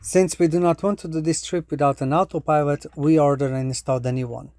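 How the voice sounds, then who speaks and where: A man's voice: on the high side, dark tone, dry recording. Man narrating a sailing vlog. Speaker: sailing vlogger. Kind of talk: narrated travel vlog voice-over.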